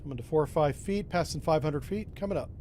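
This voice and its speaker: A man's voice: a little high, fast, darkish tone, slight background noise. A man doing casual commentary on a submarine game, thinking aloud with mild exclamations. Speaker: gamer, host.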